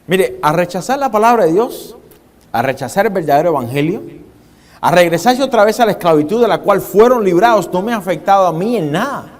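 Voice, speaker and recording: A man's voice: high voice, lively intonation, a little fast. Pastor guy preaching to his church, big swings in tone, echoey hall. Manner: dramatic, varies pace and loudness, asks the congregation questions. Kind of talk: sermon. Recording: long hall reverb.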